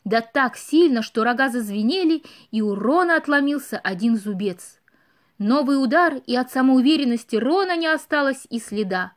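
A woman reading a storybook audiobook aloud with expressive storytelling. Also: on the high side. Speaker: audiobook reader. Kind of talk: storybook narration.

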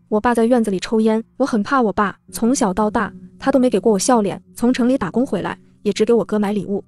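A woman narrating a first-person folk horror story in a brisk, dramatic way. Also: fairly high pitch, darkish tone.

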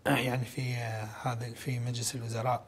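A middle-aged man with an Iraqi Arabic accent giving a formal television interview in a measured, halting way with pauses. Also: medium pitch, little pitch movement, a little hiss or hum. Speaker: interview guest, official. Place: large indoor lobby, seated interview. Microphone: lapel microphone.

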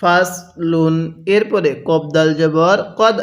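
A man teaching Quran reading, spelling out syllables and repeating them in a steady drill, asking his own questions and answering them. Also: fairly high pitch, slow, highs cut off. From Bangladesh. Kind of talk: spelling-out recitation lesson.

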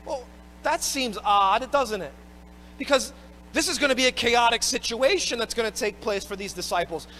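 A man pastor preaching a sermon, expressive, swinging between loud emphatic bursts and quiet low phrases. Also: moderate pace, a little hiss or hum. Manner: expressive preaching, rising and dropping in pitch and volume.

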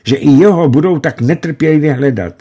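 A man reading the part of an excitable young officer who shouts eagerly into a telephone. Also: on the high side, husky, pitched above the performer's own voice. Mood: musing.

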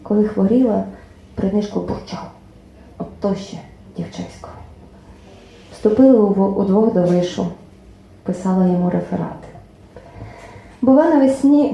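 A woman poet reciting her own verse at a book presentation, expressive, with lines that trail off softly into near-whispers. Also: medium pitch, normal speed, vocal fry. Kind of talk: poetry reading at a book presentation. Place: club event hall. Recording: very echoey hall, faint room noise.

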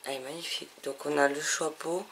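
A woman's voice: sits low, fairly even intonation, quick pace, gravelly, a little hiss or hum. A woman from France chatting casually to camera as she unboxes advent calendar gifts, enthusiastic and often trailing off with fillers.

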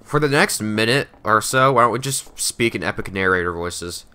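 Laid-back joking young man, low bright voice. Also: animated, normal speed, clear, resonant tone. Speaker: gamer and guest. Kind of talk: casual gaming chat.

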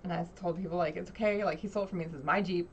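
A woman tells a rambling story in a blunt, profane way. Her voice sits low and gravelly. The recording is dull and lo-fi, with a faint hiss of noise behind her. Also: steady tone, racing. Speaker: host responding to a podcast clip. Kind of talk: casual storytelling reaction.

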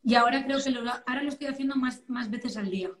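Speaking at a quick pace in a high-sitting voice, a Spanish-accented woman in her thirties from Valencia is the guest in a casual interview, exclaiming often with plenty of animation. She's on a phone video call from her living-room sofa, phone at arm's length. The live stream has a roomy echo.

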